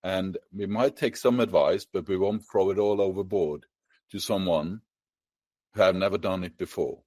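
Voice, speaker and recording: Casting: Norwegian interviewer, low voice, halting, dry close sound. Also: male voice, a little mellow, dry recording. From Norway. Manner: halting, restarts words often. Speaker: host, interviewer. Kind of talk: conversational interview.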